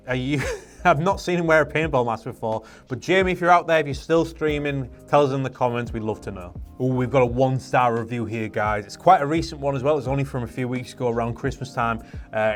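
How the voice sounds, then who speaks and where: British male store presenter, casual review-reading with wry incredulity, music underneath. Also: medium pitch. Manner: wry, bemused disbelief at odd reviews. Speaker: presenter for an airsoft and paintball shop. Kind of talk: casual commentary, reading out customer reviews aloud.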